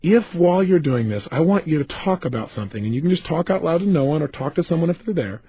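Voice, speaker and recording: A man giving a motivational audio tape lecture in an emphatic, energetic, persuasive way. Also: fairly high pitch, fast talker, highs cut off, a little hiss or hum. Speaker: motivational speaker.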